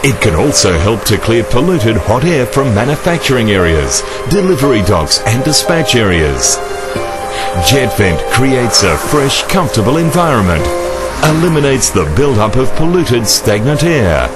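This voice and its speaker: A middle-aged man giving a scripted commercial voice-over in a smooth, persuasive manner. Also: medium pitch, sing-song, moderate pace. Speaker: voice-over narrator. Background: music.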